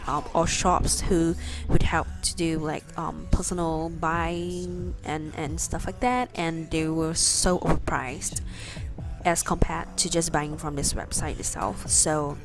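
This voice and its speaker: A woman's voice: low voice, slow. A woman giving a casual, rambling screen tutorial with hesitant delivery, her pronunciation slightly off from wearing braces. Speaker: online shopping tutorial presenter. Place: voice-over for a screen recording. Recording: music behind the voice.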